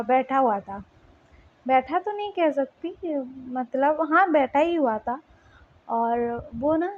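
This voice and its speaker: A woman's voice: high-pitched, darkish tone, lo-fi sound. A woman narrating a fan story casually, rambling with many fillers.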